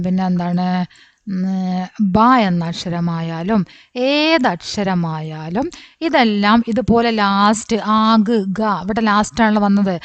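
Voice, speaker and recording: A woman's voice: medium pitch, dry recording. Brief: patient female teacher, Malayali accent, sounds out syllables; dry, slightly muffled recording. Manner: patient, syllable by syllable, stretching words. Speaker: Hindi teacher. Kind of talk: explaining a Hindi poem line by line.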